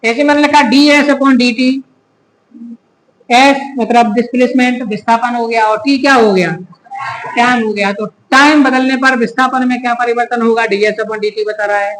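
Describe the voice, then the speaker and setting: A man's voice: very high voice, fairly even intonation, normal speed, a bit bright, slight background noise. A male physics teacher giving a classroom lecture, who keeps asking the class rhetorical questions and repeating key terms. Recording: echoey room.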